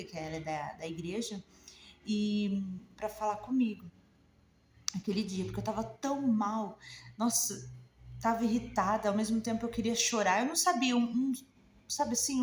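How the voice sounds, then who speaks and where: A woman in her forties with a Brazilian accent, speaking at a mid pitch and talking straight to her viewers. She tells her personal story emotionally and conversationally. The room echoes, and a faint background hiss sits behind her voice. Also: a little mellow. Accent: Brazilian Portuguese. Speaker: naturopathic therapist. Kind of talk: personal story told to camera.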